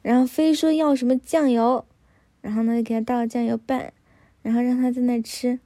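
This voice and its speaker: A woman's voice: fairly high pitch, steady tone, normal speed, warm tone. A woman, telling family stories in a casual chat and often asking the listener if they follow. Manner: chatty, often asks the listener "you know?".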